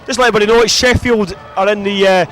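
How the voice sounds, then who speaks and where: A man's voice: sits high, steady tone, fast, a bit bright, poor audio. A man with a broad Scottish accent giving live American football commentary in a chatty, explanatory way. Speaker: sports commentator, former player.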